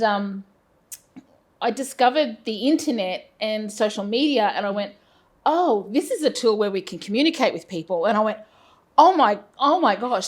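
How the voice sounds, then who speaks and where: An Australian woman in her fifties talks casually as an interview guest. She rambles, doubles back and pokes fun at herself, with lots of fillers. Her voice sits at an ordinary middle pitch. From Brisbane, Australia. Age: 50s. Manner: rambling, self-deprecating, frequent fillers. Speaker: guest, business owner.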